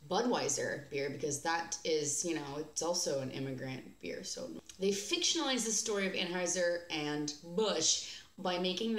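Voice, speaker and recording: An American woman with a fairly low voice hosts a casual beer vlog. She talks in a chatty, sarcastic way, full of ums and restarts. Her voice rings in a roomy, echoey space. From United States. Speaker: beer vlogger host.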